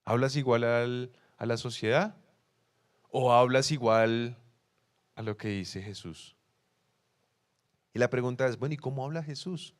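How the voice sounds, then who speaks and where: A young Colombian pastor with a Bogotá accent preaches a sermon animatedly, questioning the congregation and acting out the excuses he quotes. His medium-pitched voice is a little slow, with frequent pauses.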